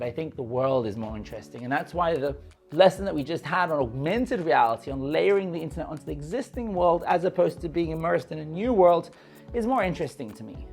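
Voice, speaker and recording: A man giving an eager, conversational lecture to camera about journalism and talking straight to viewers. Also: fairly high pitch. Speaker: journalism instructor.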